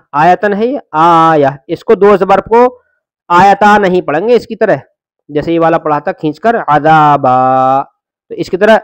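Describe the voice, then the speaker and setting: A man teaching Quran reading, spelling out letters and vowel marks slowly and patiently, then blending them into words and correcting common student mistakes. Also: high-pitched, no echo. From India. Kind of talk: slow syllable-by-syllable Quran reading lesson.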